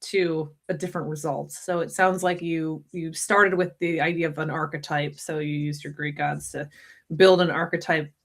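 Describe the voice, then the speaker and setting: Low-pitched woman hosting an interview. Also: flat delivery, moderate pace. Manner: thoughtful, winding questions with restarts. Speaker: podcast host. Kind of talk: interview questions.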